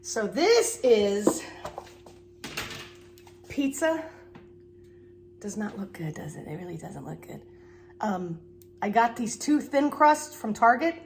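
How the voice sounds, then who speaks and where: A middle-aged woman with a cold speaks slowly in a mid-range voice with big pitch swings and long pauses, rambling and joking at her own expense in a chatty kitchen cleaning vlog. Her nose sounds congested, and a little hiss or hum runs under the audio.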